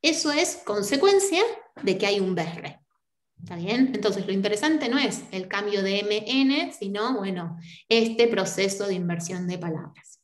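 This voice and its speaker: A woman's voice: mid-range voice, animated, unhurried. Argentine woman lecturing, keeps asking "sí?" to check in, roomy echo. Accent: Argentine Spanish. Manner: explanatory, checks in with frequent "¿sí?". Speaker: university teacher. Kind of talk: online lecture.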